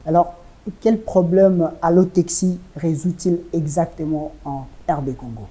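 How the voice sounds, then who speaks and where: Dark-voiced woman hosting a web show. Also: on the low side. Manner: formal, measured questioning. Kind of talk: scripted interview questions.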